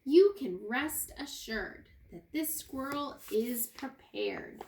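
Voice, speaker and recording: A woman teacher reading a picture book aloud to young children, expressively, pausing for asides and questions to her listeners. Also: high-pitched, wildly swooping pitch, a little mellow, a little hiss or hum. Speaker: kindergarten teacher. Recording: roomy, echoey indoor sound.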